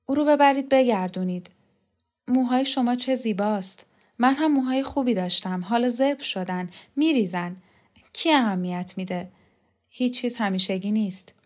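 An anxious, fragile grown daughter whose voice climbs high and quavers as she pleads, as a woman reads her part. The lines sound raised and shaky next to the calm reading around them. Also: lightly acted. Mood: wistful.

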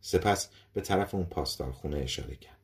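A man narrating an audiobook story in an expressive storytelling reading. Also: deep voice. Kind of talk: scripted narration.

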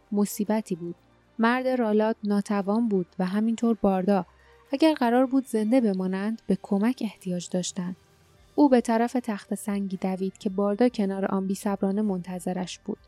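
A woman narrating an audiobook in a steady, even storytelling manner. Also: mid-range voice, no echo.

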